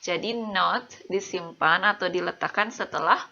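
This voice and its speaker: A bright, clear-toned woman explains grammar in a patient teaching voice. She slows right down on each example sentence and keeps checking that her listeners follow. The recording is slightly muffled and lo-fi. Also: on the low side. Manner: slow, deliberate example sentences. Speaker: English teacher. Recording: muffled lo-fi voice-over.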